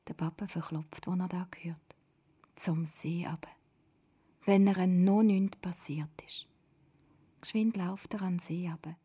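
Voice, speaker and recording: A woman telling a bedtime story in a breathy whisper. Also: lowish voice, fairly even intonation, measured pace, long pauses, warm tone.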